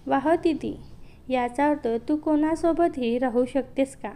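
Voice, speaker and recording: A woman voicing a cold, firm younger brother in a read-aloud story, in her own slow reading voice. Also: sits high, warm tone. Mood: cold insistent.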